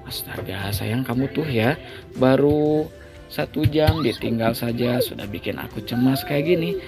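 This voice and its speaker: A man's voice: medium pitch, measured pace, gravelly. A man reading a doting worried husband. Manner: coaxing, fussing. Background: background music.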